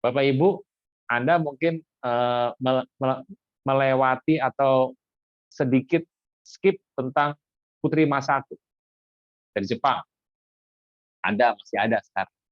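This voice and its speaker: A man's voice: medium pitch, measured pace, pauses often, no room sound, lo-fi sound. A man preaching a sermon in a conversational way, often putting questions to the congregation and exclaiming. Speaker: pastor.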